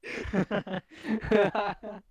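A man's voice: high voice, level tone, very slow. Young man, casual podcast co-host, jokes and laughs a lot. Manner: joking, laughs often, gaming references. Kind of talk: casual chat.

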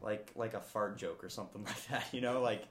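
A man on a casual podcast, reading a listener's post aloud in a steady, matter-of-fact way. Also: on the low side, brisk.

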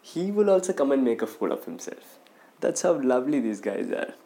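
A man with an Indian English accent telling comic stories on his vlog, animated and acting out voices. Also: mid-range voice, fairly quick, vocal fry. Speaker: comedy vlogger. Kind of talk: storytelling stand-up monologue.

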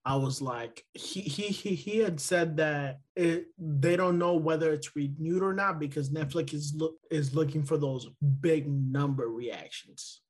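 This podcast co-host has a fairly high voice and an unhurried pace, yet he barely pauses. He chats casually and rambles, often using fillers and starting over.

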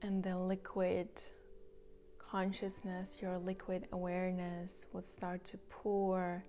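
A woman guiding a grounding meditation, talking softly and slowly, with some words breathed out in a whisper. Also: fairly low pitch, monotone. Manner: slow, soft, partly whispered guidance. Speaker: meditation guide. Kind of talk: guided meditation.

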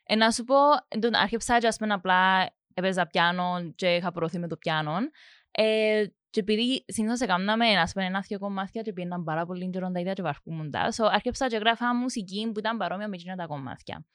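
A young woman with a Cypriot Greek accent talks casually in an interview, pausing often with fillers and slipping English words into her sentences. Her voice sits at a middle pitch. The sound is dry and close, with no room echo. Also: fairly bright tone. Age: young adult. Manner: hesitant, many fillers, mixes in English words. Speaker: music production student, interviewee.

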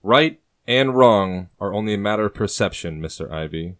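A man's voice: lowish voice, lively intonation, normal speed, fairly bright tone. A man voicing a sly old rebel who taunts and patronizes his rival. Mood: taunting.

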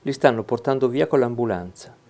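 A man's voice: medium pitch, brisk, darkish tone, close to an everyday voice. A man reading aloud who voices a grieving twelve-year-old girl in a slightly raised, plaintive tone. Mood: reproachful.

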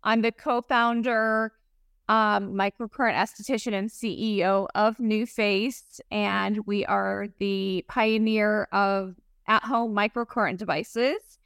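A woman's voice: medium pitch, fairly even intonation, takes it slowly, fairly bright tone, smooth, no echo. A middle-aged woman talking casually and emphatically as a guest expert in an interview. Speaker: podcast guest, esthetician and company founder.

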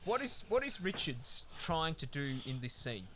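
A man's voice: a little high, very animated, normal speed, a loud crowd. A man co-hosting a podcast, recapping a film in a rambling, sweary, laid-back way. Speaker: podcast co-host. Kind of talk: casual film-review chat.

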